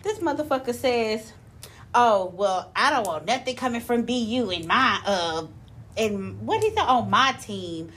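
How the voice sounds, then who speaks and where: A woman's voice: on the high side, expressive, measured pace, fairly bright tone, husky. A woman co-hosting a casual podcast, talking frankly and conversationally and swearing freely. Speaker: podcast co-host. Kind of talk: casual chat.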